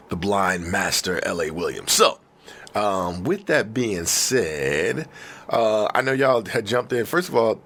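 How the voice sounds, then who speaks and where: A man hosting a podcast in lively casual chat, his voice distorted by audio clipping from a mic recorded too loud. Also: on the low side. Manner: energetic, hyped-up delivery. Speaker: podcast host.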